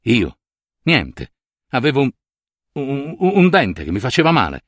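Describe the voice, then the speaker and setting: A man doing a cranky middle-aged notary in a storybook reading, gruff and quick to flare up. The voice swoops widely in pitch and sounds dry and close. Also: wildly swooping pitch, no echo. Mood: flustered. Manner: gruff, furious outbursts. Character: irritable middle-aged male notary in pain.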